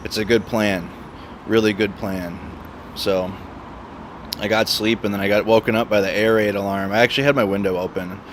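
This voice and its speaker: A man's voice: on the low side, fairly even intonation, moderate pace. A man hosting a casual live stream, chatting and repeating words and phrases for emphasis. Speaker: livestream host. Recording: noisy outdoor city street with traffic.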